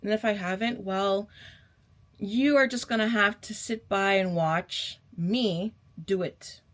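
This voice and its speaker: A woman's voice: medium pitch, takes it slowly, a bit bright. Sassy woman giving an emphatic pep talk. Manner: sassy, emphatic and repetitive, addressing viewers as babe. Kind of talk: casual motivational pep talk to camera.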